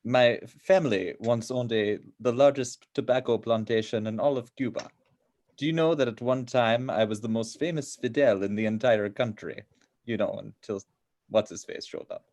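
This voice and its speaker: A gallant, courtly elderly Cuban gentleman, as a man reads him in an amateur sitcom read-through. He speaks at a middling pitch for a man and addresses the ladies with smooth old-fashioned flattery. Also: normal speed, natural voice.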